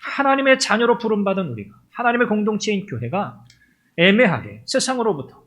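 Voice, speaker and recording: A male pastor delivering an impassioned sermon in a high, husky voice. His pitch leaps and falls as he preaches, and he acts out the words of the biblical figures he quotes. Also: very animated, fairly quick, fairly bright tone.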